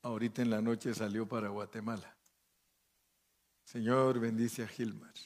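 A pastor delivers a sermon, reading scripture aloud and commenting between verses. His voice is fairly low, level and a little mellow at a moderate pace, and he often checks in with listeners through short questions like "¿sí?" and "¿verdad?"

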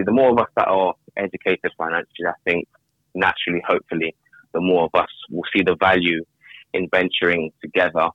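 Speaking in a low voice, a young podcast guest chats casually, pausing hesitantly and repeating words as he reflects. The recording is dry and sounds like a phone line.

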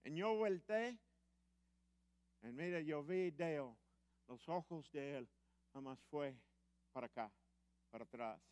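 A middle-aged man preaching in a halting, Spanish, animatedly telling a personal testimony. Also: fairly high pitch, dry recording. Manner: animated, acts out quoted voices, halting grammar.

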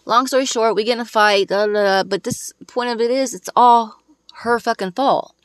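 A woman's voice: a little high, normal speed, smooth, dry recording, studio quality. A woman hosting a podcast, delivering an angry, profane and emphatic ranting monologue. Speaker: podcast host.

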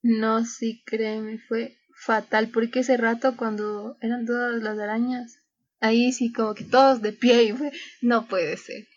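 Chatty high-voiced young woman. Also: level tone, unhurried. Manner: chatty, acts out quoted dialogue, frequent laughs. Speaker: podcast guest, scout leader. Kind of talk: casual interview storytelling. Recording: dull, lo-fi sound.

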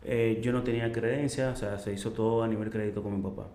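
A middle-aged man with a Dominican accent, a chef telling his story in a casual interview, animated and emotional, acting out what others said. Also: on the low side, fast talker. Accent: Dominican Spanish. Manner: animated, acts out quoted voices, emotional. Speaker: chef and restaurant owner, guest. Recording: echoey room.

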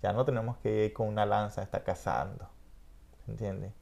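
Middle-aged venezuelan guy hosting a podcast, gravelly voice, dark mellow tone, keeps asking "entiendes". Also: lowish voice, fairly even intonation, moderate pace. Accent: Venezuelan Spanish. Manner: reflective, rambling, frequent "¿entiendes?". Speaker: podcast host. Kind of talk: casual conversation.

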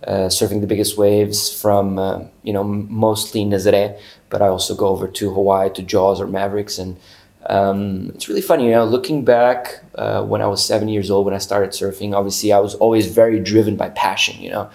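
A man's voice: on the low side, level tone, a little fast, gravelly, darkish tone. A man, a guest chatting casually in an interview, easygoing and full of fillers. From Portugal. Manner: easygoing, many fillers and restarts.

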